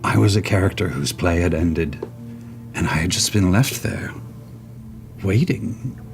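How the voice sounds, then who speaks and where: A man playing a created male stage character in a tabletop game, speaking in an earnest, halting way. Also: low voice, expressive, gravelly, soft background music, exaggerated voice. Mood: tender, yearning. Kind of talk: tabletop role-play in character.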